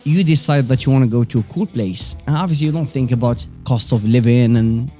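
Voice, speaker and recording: Faint music plays as a business owner in his forties, whose native languages are Arabic and French and who carries a Moroccan accent, casually tells personal stories in an interview. He speaks fairly quickly in a mellow, mid-range voice.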